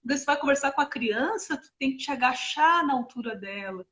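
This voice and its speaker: A middle-aged woman co-hosting a parenting live stream, explaining ideas in an animated, casual way with many examples and asides. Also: sits high, brisk.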